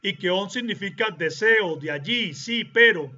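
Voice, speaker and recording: Male Bible teacher, deliberate lecturing delivery, high-pitched, muffled lo-fi audio. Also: animated, pushed and bright. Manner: deliberate, lecturing, checks in with rhetorical "¿sí?". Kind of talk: explanatory teaching monologue.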